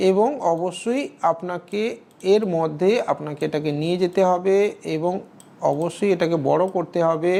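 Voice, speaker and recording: A woman with a lowish, warm voice narrates a step-by-step screen tutorial she created. She is instructive and keeps checking in with the viewer by asking "okay?"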